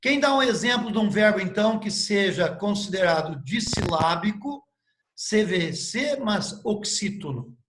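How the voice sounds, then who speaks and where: Male English teacher, Portuguese native, slow and patient, lots of questions to the class. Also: high voice, animated, fairly bright tone, echoey room, a little hiss or hum. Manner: patient, spells words letter by letter and asks questions. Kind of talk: live online lesson.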